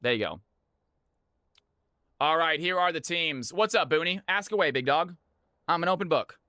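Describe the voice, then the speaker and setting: Bright-voiced man hosting a livestream. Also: fairly high pitch, lively intonation, moderate pace, dry recording, studio quality. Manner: chatty, informal, repeats phrases, addresses viewers as folks and big dog. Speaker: livestream host running community custom games. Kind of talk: livestream chat and game-lobby announcing.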